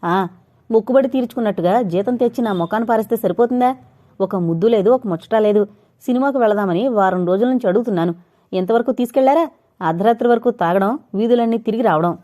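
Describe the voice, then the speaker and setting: A woman narrator voices a bitter young wife and mother of four who scolds her drinking husband, shrill and near tears. The character's voice rises higher and louder than the narration, yet stays mellow underneath, as in an audio novel. She talks fast in a natural voice, angry and tearful.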